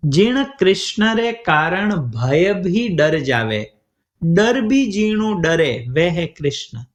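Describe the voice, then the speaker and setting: A man's voice: high voice, very animated. A man telling a devotional story as a sermon, chanting verses and acting out the voices of its figures. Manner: slow, sing-song storytelling with Sanskrit verses and acted voices. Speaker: preacher telling scripture stories. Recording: dull lo-fi recording.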